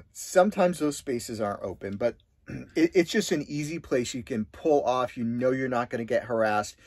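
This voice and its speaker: A man's voice: medium pitch, a little slow, darkish tone, dry recording. A middle-aged man co-hosting an RV travel show, explaining options steadily in casual chat with plenty of ums and uhs. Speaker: co-host of an RV travel channel. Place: small indoor room in front of a green screen.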